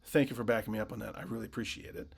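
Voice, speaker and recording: Gravelly-voiced man hosting a fan vlog. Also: on the low side, steady tone, rapid-fire. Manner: chatty, with frequent restarts, reading out viewer comments. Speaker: hockey channel host. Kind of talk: casual fan commentary to camera.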